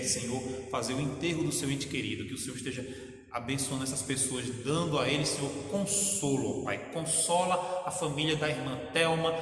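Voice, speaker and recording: A man's voice: medium pitch, fairly bright tone, a little hiss or hum. A man, a pastor leading a fervent closing prayer and giving announcements, repeating "Senhor" and "ó Pai" between phrases. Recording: echoey room with long reverb, faint ambience.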